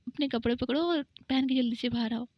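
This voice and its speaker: A woman voicing a brisk, bossy young woman who is easily flustered, in a storybook romance. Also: high voice, a little mellow, dry recording. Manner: brisk, scolding. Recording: dull lo-fi recording.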